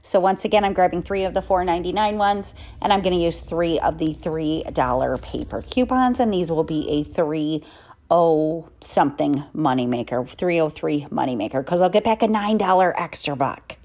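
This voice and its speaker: A woman's voice: on the low side, normal speed, darkish tone. A middle-aged woman vlogging her drugstore shopping trip, chatting through prices and coupon deals step by step as she walks the aisles with a handheld phone. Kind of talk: casual shopping vlog narration. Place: inside a drugstore, walking the aisles.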